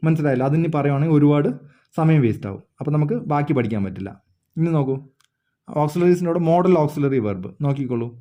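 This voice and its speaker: A man's voice: on the high side, expressive, quick pace, dark tone, lo-fi sound. A man teaching an English grammar lesson, explaining step by step, repeating words and often checking whether the listeners understood.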